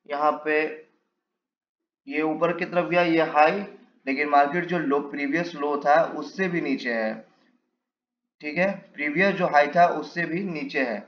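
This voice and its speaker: A man giving a casual step-by-step lesson on reading charts, asking and answering his own questions as he draws. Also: on the high side. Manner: explains while drawing, asks and answers his own questions. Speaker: trading teacher. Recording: echoey room, dull lo-fi mic, faint hiss.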